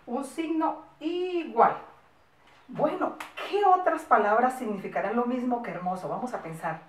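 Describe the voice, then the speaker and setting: Woman teacher for small kids, fairly high and very lively pitch, slow careful dictation, echoey room, mic at a distance. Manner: patient dictation, lots of diminutives, coaxing questions. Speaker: primary school teacher. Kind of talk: recorded class for young children.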